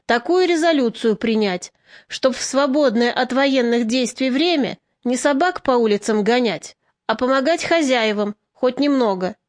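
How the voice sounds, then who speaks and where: A woman voicing a restrained, shrewd partisan commander who speaks in measured, quietly persuasive tones. The voice sits fairly high and the recording is close and dry. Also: animated, no room sound, natural voice. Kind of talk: audiobook reading.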